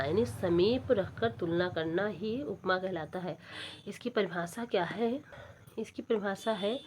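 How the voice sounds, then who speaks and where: A woman's voice: mid-range voice, darkish tone, slight background noise. Woman teacher quizzing herself through a lesson. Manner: asks herself questions then answers, recites verses slowly. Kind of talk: exam prep lesson explaining poetry.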